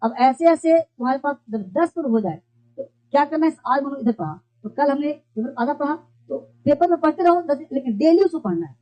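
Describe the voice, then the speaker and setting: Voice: sits high, lively intonation, brisk, warm tone. A teacher giving a classroom-style lesson who keeps repeating points and asks and answers their own questions. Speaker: English teacher. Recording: dull lo-fi recording.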